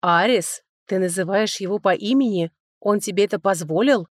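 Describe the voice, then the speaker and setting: A woman's voice: medium pitch, no room sound, clean studio sound, close to an everyday voice. A woman voicing a cool, composed duchess. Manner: cool, measured, softly condescending. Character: composed elder sister, a calm duchess. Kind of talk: audiobook character voicing.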